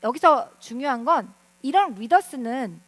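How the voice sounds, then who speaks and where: Woman teacher at a parents' seminar, high voice, animated, quizzes the room, dry close sound. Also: unhurried, dry recording. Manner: animated, asks the audience questions. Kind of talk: lecture to parents.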